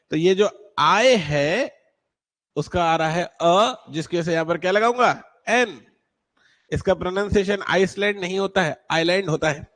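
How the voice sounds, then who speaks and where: A man teaching an online class, patiently quizzing students and checking whether anyone is struggling. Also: fairly high pitch. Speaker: exam-prep English teacher.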